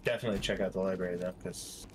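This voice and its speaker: A man playing co-op with a friend, firing off quick, casual callouts that are sometimes excited and crude. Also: deep voice. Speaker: co-op teammate. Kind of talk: casual gaming chat. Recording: echoey room with loud background noise.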